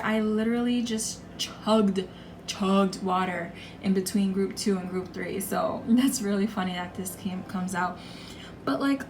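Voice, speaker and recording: This tarot reader speaks in a mid-range voice that sounds froggy and strained, offering a spiritual pick-a-card reading in a casual, earnest, encouraging way and repeating herself often. Music plays and the echoey room is noisy, her mic placed well away from her.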